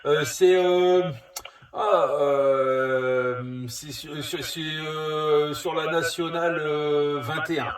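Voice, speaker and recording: With a crowd in the background, a male CB operator draws out his words in a steady, somewhat high voice. His casual two-way radio chat is rambling and hesitant, picked up from a distance with roomy echo.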